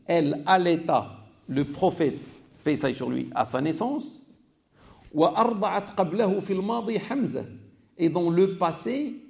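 A man's voice: a little high, vocal fry, warm tone. A man giving a religious lesson in a mosque, careful and explanatory, stating each point and then restating it. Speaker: mosque teacher. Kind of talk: religious lecture.

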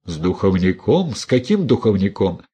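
A man's voice: deep voice, sing-song, normal speed, warm tone, slightly rough, exaggerated voice. A man voicing a severe, reproachful older abbess who preaches and questions sharply. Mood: curt questioning. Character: stern older abbess of a women's convent.

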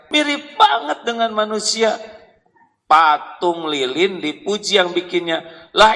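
A man preaching a humorous sermon to an audience, animated and joking. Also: big-room sound, poor audio. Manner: animated, joking, jumps into high voices for quotes.

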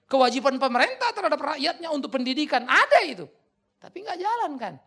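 A male pastor preaching in a blunt, colloquial, emphatic way, taking questions from the audience and breaking into sudden loud outbursts. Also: extremely high pitch, very animated, fast, creaky.

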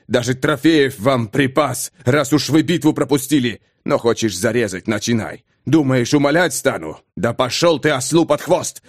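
A man voicing a brash, hot-tempered nomad chieftain in an audiobook, blustering and loud, with drawn-out mocking words. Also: medium pitch, dry recording, clean studio sound, close to an everyday voice. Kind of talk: audiobook character voice.

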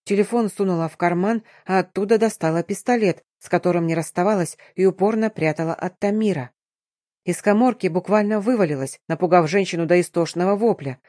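A woman narrating a novel in first person, in a brisk, tense storytelling style. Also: fairly low pitch, dark tone, no echo, studio quality. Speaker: audiobook narrator.

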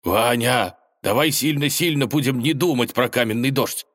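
A man's voice: mid-range voice, a bit bright, voice pushed up, lightly acted. A man voicing an anxious, talkative male wolf who rambles and frets. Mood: uneasy. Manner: fretful, rambling, slow.

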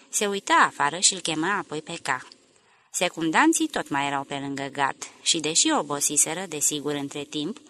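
A woman narrating an audiobook in a steady, literary reading style. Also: low voice, slight background noise. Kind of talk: scripted narration.

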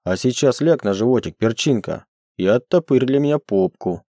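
A man reading an audiobook, voicing a huge, gruff bear-shifter husband who growls and gives orders, in a dry room. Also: medium pitch, animated, moderate pace, warm tone, no room sound, close to an everyday voice. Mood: gruff teasing. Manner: commanding, bossy. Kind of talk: audiobook character voice.

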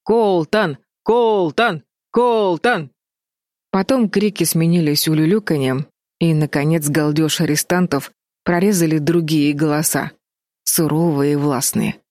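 Female audiobook narrator, low and steady, dry booth sound. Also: moderate pace, no echo. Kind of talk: scripted narration.

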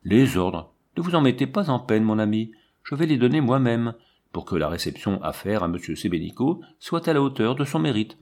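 A man voicing a cool, composed banker's wife who speaks with calm, dignified irony. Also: medium pitch, fairly quick. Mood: ironic. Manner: calm, dignified, quietly ironic.

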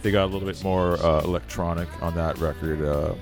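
Low-voiced man gushing about music. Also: fairly even intonation, a little fast. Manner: enthusiastic, swearing, rambling. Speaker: music podcast co-host. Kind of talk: casual chat.

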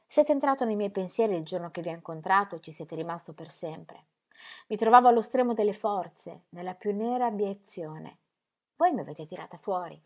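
A woman's voice: mid-range voice, lively intonation, fairly quick, a little mellow. A woman reading the part of an earnest, anxious young pastor's wife with breathless, gushing emphasis. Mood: eager.

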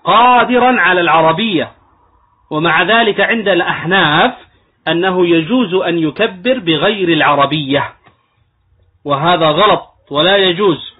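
Through tinny, phone-like lo-fi audio comes a man's husky voice, pitched high and at a moderate pace. He's an Islamic scholar lecturing on jurisprudence, taking his time to explain points and occasionally acting out incorrect pronunciations.

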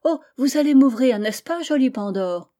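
A woman's voice: high voice, animated, normal speed, warm tone, voice pushed up. Woman voicing a sweet coaxing fairy spirit.

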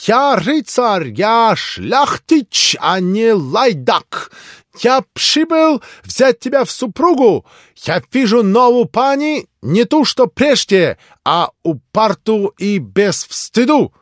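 A man voicing a haughty Polish gentleman with a Polish accent, speaking in slow, grandiloquent declamations. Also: mid-range voice, expressive, no room sound, clean studio sound. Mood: indignant.

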